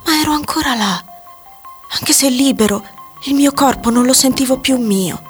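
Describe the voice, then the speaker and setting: A woman giving a measured, dramatic scripted narration of a story. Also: sits high. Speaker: audiobook narrator. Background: faint music.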